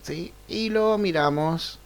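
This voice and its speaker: A man's voice: fairly high pitch, clean tone. A man teaching a programming class online, thinking aloud as he works through code and often checking in with his students. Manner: unhurried, checks in with frequent "right?" tags. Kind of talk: live online class, thinking aloud over screen share.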